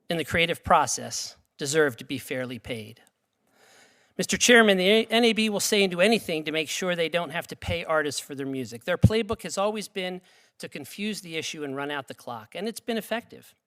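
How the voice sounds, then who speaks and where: In a congressional hearing room, a male witness reads prepared testimony aloud in a formal, emphatic manner. His voice is fairly high-pitched and a bit bright.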